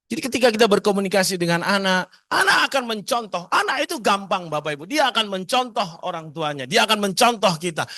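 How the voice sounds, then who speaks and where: A man giving a lively seminar talk to parents, often asking the audience questions. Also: sits high, dry recording. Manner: animated, asks the audience questions.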